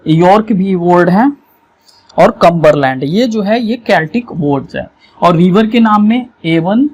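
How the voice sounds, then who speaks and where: A teacher, giving an exam revision lesson over a map, explaining slowly and often checking that students follow. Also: medium pitch, darkish tone, slightly rough.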